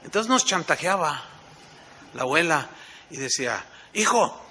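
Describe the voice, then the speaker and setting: A man preaching a sermon with a Mexican accent, telling a lively personal story and often checking in with his listeners through questions. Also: high voice, measured pace, a little hiss or hum. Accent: Mexican Spanish. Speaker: pastor.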